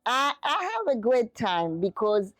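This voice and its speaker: A woman's voice: fairly high pitch, big pitch swings, a little slow, dry recording. A middle-aged woman from Haiti with a Haitian accent, English not her first language, answering interview questions hesitantly while searching for words. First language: Haitian Creole and French. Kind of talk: casual interview.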